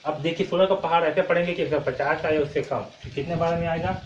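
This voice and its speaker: Speaking quickly in a steady tone, this fairly high-voiced man teaches maths at the board, solving a problem one step at a time. He poses questions to himself, answers them, and keeps saying "ठीक है" to check in. Sound quality is poor: echoey, muffled, noisy, and picked up from far away.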